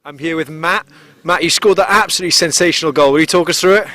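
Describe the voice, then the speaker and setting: A man working as a sideline reporter, firing loud questions at a player outdoors. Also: fairly high pitch, fast talker, no room sound. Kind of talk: sideline interview.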